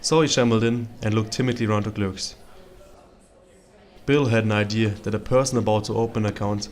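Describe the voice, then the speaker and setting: A man narrating a scripted story in old-fashioned radio drama style, with dry, measured delivery. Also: lowish voice, fairly even intonation.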